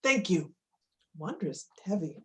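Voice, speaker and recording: A woman's voice: lowish voice, lively intonation, slow, a bit bright. A woman playing a sorrowful, weary royal parent mourning a lost child in a tragic Shakespearean drama. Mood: weary, heavy. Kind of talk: Shakespearean stage drama performance.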